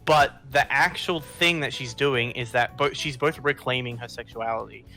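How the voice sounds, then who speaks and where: A man's voice: medium pitch, moderate pace, sharp tone, soft background music. A man in casual debate chat, talking in a rambling way and correcting himself as he goes. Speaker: podcast co-host.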